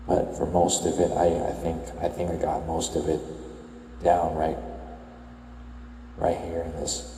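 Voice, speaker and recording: A young man murmurs a soft, low-key voice-over in a deep, flat, gravelly voice that hardly rises or falls. He talks slowly and hesitantly, correcting himself as he muses. The voice carries an echo with a long reverb tail over faint ambient sound. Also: slight background noise. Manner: hesitant, self-correcting musing. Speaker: video game tour vlogger. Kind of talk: soft-spoken reflective voice-over.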